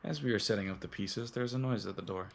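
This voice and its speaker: A man's voice: on the low side, fast talker, creaky, slight background noise. A man reading a visual novel aloud as its narrator and lead, using a put-on cowboy drawl.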